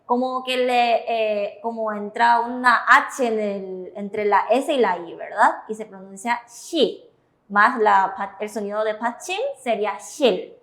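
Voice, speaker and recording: A woman teaching Korean syllables, explaining slowly and checking understanding as she goes. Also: fairly high pitch, fairly bright tone. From Paraguay. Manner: slow, careful, checks understanding with "¿verdad?". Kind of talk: classroom explanation.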